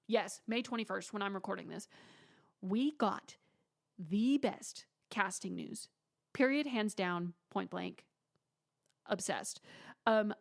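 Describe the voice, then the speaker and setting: A woman in her twenties hosting her own podcast, chatting casually and dramatically with playful asides and mock whispers. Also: mid-range voice. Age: 20s. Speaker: podcast host. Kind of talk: casual solo podcast chat.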